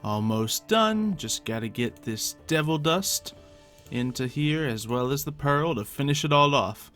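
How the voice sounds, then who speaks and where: Soft music plays behind a man whose mid-range voice is animated, fairly bright, and a little slow. Staying in character as a gaming video host, he improvises relaxed commentary, musing aloud and talking to himself while playing.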